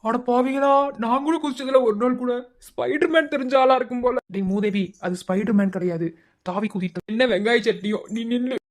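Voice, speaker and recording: Cartoon role: woman as cheeky male college student, quick high wisecracks. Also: fairly even intonation, natural voice. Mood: sassy. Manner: mocking back-talk.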